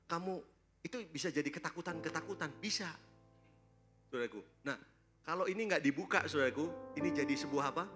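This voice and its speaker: A man preaching a sermon at a church service, lively and joking, constantly throwing questions at the congregation. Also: fairly high pitch, quick pace, soft background music. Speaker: pastor.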